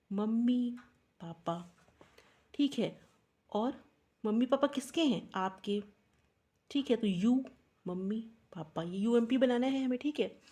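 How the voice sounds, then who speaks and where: A woman's voice: a little high, dark tone. A woman teaching biotechnology, walking students through a pathway and a memory trick step by step, often checking in with "okay". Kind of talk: exam-prep lecture with mnemonics.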